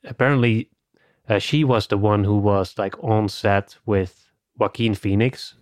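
A man's voice: on the low side, fairly even intonation, a little slow, no echo, clean studio sound. A man co-hosting a film podcast, talking things through in a casual, conversational way with a lot of "you know" and "like.". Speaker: podcast co-host.

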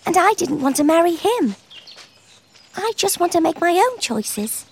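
A woman voicing Thumbelina, a tiny, gentle, polite young girl with a soft, hesitant manner. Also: very high-pitched, big pitch swings, unhurried, creaky, exaggerated voice. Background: music.

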